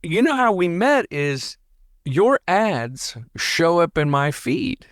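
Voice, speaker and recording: Male podcast host, rambling quick talk, very lively pitch, dry close sound. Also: no echo. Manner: rambling, talks a mile a minute. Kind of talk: casual interview chat.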